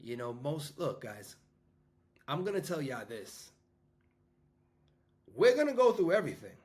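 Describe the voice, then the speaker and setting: A man's voice: a little high, huge pitch swings, a little slow, a little mellow. A fifty-year-old man, a business coach talking casually to his audience in a rambling way, full of restarts and fillers. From New York. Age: 50s. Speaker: business coach and school founder.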